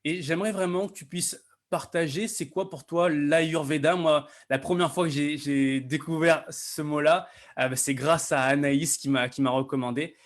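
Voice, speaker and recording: A man's voice: on the high side, fairly even intonation, normal speed, hardly any pauses. A man hosting a live online interview, upbeat and chatty, with many restarts. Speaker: host.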